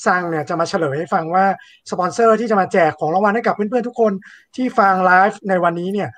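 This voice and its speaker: A man's voice: high-pitched, fast, fairly bright tone. A man hosting a casual live stream, chatting politely with listeners and guests. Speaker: live show host.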